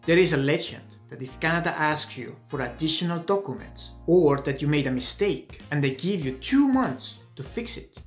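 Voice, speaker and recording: A man's voice: a little high, lively intonation, moderate pace, few pauses. A young man with an Estonian accent, giving scripted advice to camera as a video blogger. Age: young adult. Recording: music under the voice. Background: background music.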